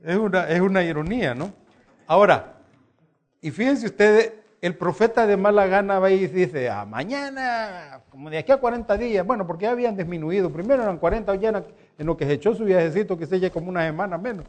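Animated male preacher, higher voice. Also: quick pace. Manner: animated storytelling with acted quotes. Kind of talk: sermon.

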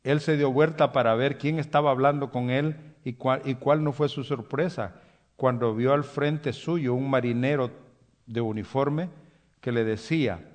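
A man's voice: medium pitch, a little slow. Man preaching with hesitant restarts. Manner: hesitant fillers and restarts, drops soft at line ends; self-described hasty. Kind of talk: sermon.

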